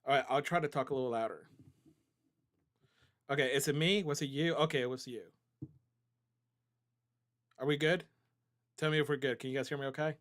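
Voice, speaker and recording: Male host, mid pitch, unscripted live-stream Q&A, casual and explanatory, checks in with the audience often. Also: a little fast, pauses often, a bit bright. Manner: conversational and explanatory, with tag questions like "right?" and "okay?"; loose, with many fillers and restarts. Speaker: trading company CEO hosting a live stream. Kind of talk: live-stream Q&A answering chat.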